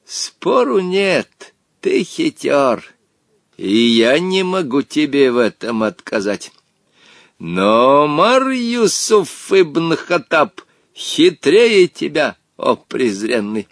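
A man voicing a vengeful ancient male genie who speaks pompously in slow, drawn-out phrases. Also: a little high, very animated, fairly bright tone, dry recording, clean studio sound, voice pushed up, exaggerated voice. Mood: gloating.

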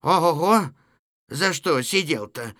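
A gentle old wanderer with a homely, folksy way of talking, as a man reads him. His voice is lively and bright. The sound is close and dry. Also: a little high, takes it slowly, no room sound, exaggerated voice. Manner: soft, folksy.

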